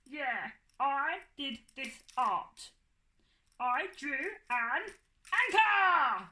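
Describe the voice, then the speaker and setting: A woman voicing a cheeky, hungry puppet creature boy, talking in a squeaky, silly way. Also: animated, sharp tone, roomy sound, heavily acted. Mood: playful. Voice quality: squeaky, high cartoonish voice. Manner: silly, greedy, quick to sulk.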